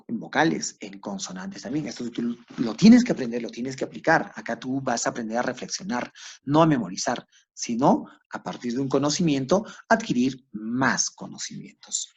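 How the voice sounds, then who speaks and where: A man teaches a class in a lively voice that rises and falls a lot. His tone is a bit raspy, and he often asks a question aloud before answering it himself. The recording sounds dull and lo-fi. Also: medium pitch, normal speed. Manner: asks himself questions and answers them, addresses students directly. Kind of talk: classroom lecture.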